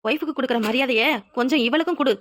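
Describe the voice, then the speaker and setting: In a cartoon drama, a woman voices an outspoken young character who demands answers while confronting her friend's ex. She speaks very fast in a high, fairly bright voice, with slight background noise.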